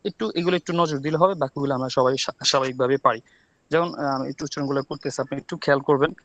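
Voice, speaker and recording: A man's voice: medium pitch, a bit bright, no echo, low-quality recording. A man teaching an online English class from a village home over his phone, often checking with "ঠিক আছে?". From Bangladesh. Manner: quick, repeats "ঠিক আছে?" to check students.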